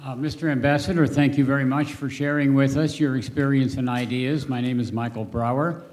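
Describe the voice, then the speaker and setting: An older man rises from the audience to ask a question. He speaks formally and deliberately, choosing his words with care. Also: medium pitch, fairly even intonation, darkish tone. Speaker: audience member asking a question.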